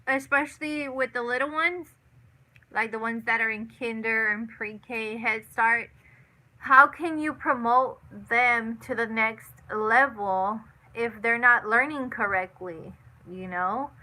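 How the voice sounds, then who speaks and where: A chatty woman in her thirties with a bright, fairly high voice. She hosts a casual live chat, talks loosely, repeats herself and keeps adding "you know". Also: slow, low-quality recording. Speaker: livestream host. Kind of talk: casual live chat reading viewer comments.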